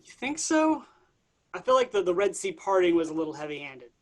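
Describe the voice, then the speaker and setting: High-voiced slacker bro Jesus, played by a man. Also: sing-song, a little fast, a bit bright. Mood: defensive. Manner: casual slangy dude speech. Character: laid-back, vain slacker Jesus who talks like a bro. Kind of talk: staged reading of a comic play.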